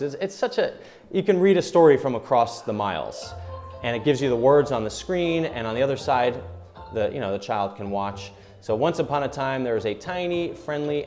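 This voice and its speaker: A man's voice: fairly low pitch, darkish tone. A man hosting as a tech reporter, giving a casual hands-on product demo in a chatty, upbeat way with frequent ums and uhs.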